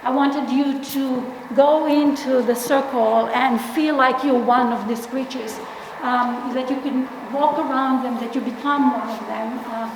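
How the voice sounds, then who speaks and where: Woman, middle-aged, from Israel, artist talk, hesitant, many fillers, high voice, long hall reverb, noisy room. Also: steady tone, unhurried. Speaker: exhibiting artist. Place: large gallery hall. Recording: echoey hall, distant from mic, noisy.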